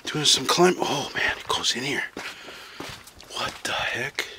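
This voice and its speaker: A man giving casual running commentary while exploring, with excited exclamations that drop to a hush in tight spots, recorded outdoors on a handheld camera. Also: medium pitch, slow pace, in a whisper. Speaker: vlogger exploring a canyon. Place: outdoors in rock canyons and caves. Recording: outdoor noise on camera mic.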